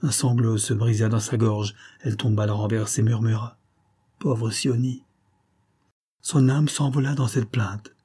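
A man reading a serialized adventure novel aloud in a measured, dramatic way. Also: lowish voice, fairly even intonation, warm tone, slightly rough. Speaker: audiobook reader.

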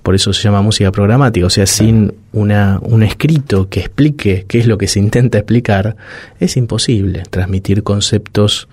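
A man's voice: on the low side, moderate pace, a little mellow, husky, dry recording. Thoughtful man, dry studio sound. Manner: thoughtful, hesitant, with many restarts and fillers; demonstrates baby babble aloud. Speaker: psychologist guest. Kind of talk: reflective interview answers.

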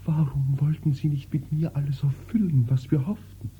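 A man's voice: a little high, steady tone, normal speed, slight background noise, lightly acted. An actor playing a young nobleman who begs his beloved for forgiveness, often sinking to a whisper, in a classic radio drama. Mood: pleading. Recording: muffled old radio recording.

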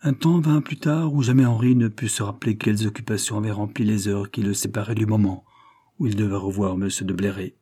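A man narrates a classic novel with measured expression. His voice is low, dark and slightly husky. The recording is dry and close-miked. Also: fairly even intonation, no room sound. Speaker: audiobook narrator. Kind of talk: literary audiobook narration.

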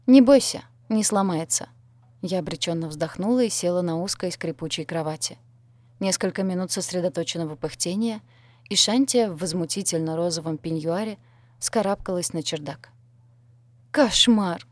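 A woman reading a first-person story as an audiobook narrator, measured and dryly ironic. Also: fairly low pitch, a little mellow, no room sound.

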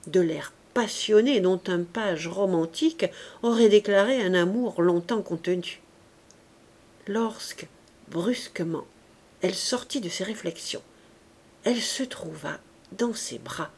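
A woman narrating a classic novel as an audiobook, with measured, even storytelling. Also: mid-range voice, husky. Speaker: audiobook reader.

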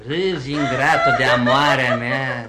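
A man's voice: medium pitch, heavy background noise, close to an everyday voice. A man playing a pompous young lovesick suitor. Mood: lofty. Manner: bombastic, flowery, stumbling over fancy words. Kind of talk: table reading of a stage comedy.

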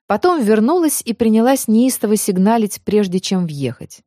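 A female audiobook narrator reads a first-person text expressively and emotionally, her pitch moving freely up and down at a moderate pace. Her voice is warm and mellow, captured in a close, dry recording with no room sound.

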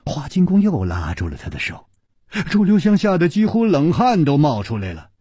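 一位男性说书人，生动地演播武侠小说。. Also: male voice, a little high, moderate pace, breathy edge, dry recording, studio quality. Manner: expressive, vivid, lively. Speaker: storyteller. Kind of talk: Chinese novel storytelling narration.

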